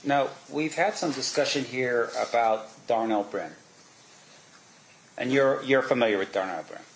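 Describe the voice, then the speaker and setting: A man doing a courtroom cross examination as an attorney, asking probing, leading questions with halting pauses. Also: medium pitch. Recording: roomy echo, faint background noise.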